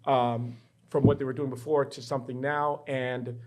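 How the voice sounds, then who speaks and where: A middle-aged Bahamian professor, a guest in a candid interview recorded in a university studio, reflectively tells his personal story. His mid-range voice is a little mellow, with a level tone and moderate pace.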